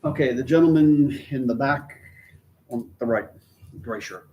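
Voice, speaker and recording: A man's voice: mid-range voice, unhurried, highs cut off. Man chairing a meeting, faint noise behind. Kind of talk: formal meeting moderation. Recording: noisy meeting room ambience.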